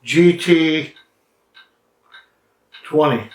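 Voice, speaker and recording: A man giving a casual, halting review with many fillers, recorded indoors in a study with a strong room echo. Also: a little high. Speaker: cigar and drink reviewer. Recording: echoey room, mic at a distance.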